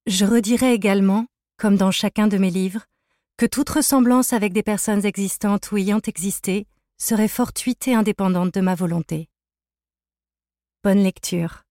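A woman narrating a novel as an audiobook in a measured, even reading. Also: mid-range voice, dry recording, studio quality. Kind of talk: scripted narration.

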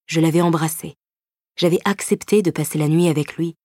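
Low-voiced woman narrating a novel. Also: steady tone, brisk, a little mellow, dry recording, studio quality. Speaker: audiobook narrator. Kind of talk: first-person novel narration.

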